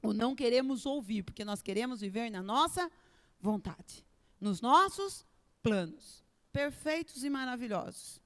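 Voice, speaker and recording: High-voiced Brazilian woman preaching in echoey church. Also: a little slow. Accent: Brazilian Portuguese. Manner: expressive, acts out prayers and God's replies, swings between soft and loud. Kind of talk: live church sermon. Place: church sanctuary. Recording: echoey church hall with long reverb.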